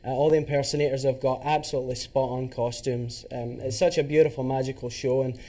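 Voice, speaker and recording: A man's voice: mid-range voice, flat delivery, fast talker, warm tone. A man from Scotland with a Glasgow accent, chatting upbeat as a tribute performer on morning TV. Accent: Scottish, Glasgow. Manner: upbeat, chatty, laughs easily. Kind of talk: morning TV interview.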